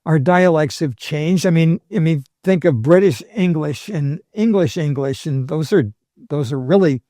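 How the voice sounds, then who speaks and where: Man, higher-pitched, dry-sounding. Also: normal speed, dark tone, dry recording. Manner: explanatory, with wry humorous asides. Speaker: historian guest. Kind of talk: conversational podcast lecture.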